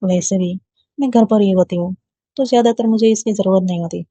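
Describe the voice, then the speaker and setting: A woman's voice: mid-range voice, fairly quick, warm tone, breathy edge, no room sound, lightly acted. A woman reading a storybook voicing a firm, caring old grandmother who scolds lovingly. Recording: dull lo-fi dry recording.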